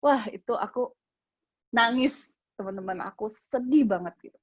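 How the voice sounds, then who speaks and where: A woman's voice: fairly high pitch, normal speed, husky, no echo, highs cut off. A woman in her late twenties tells a personal faith testimony in an earnest, emotional way and acts out her own prayers. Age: late 20s. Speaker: speaker sharing a testimony. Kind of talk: personal testimony to a youth group.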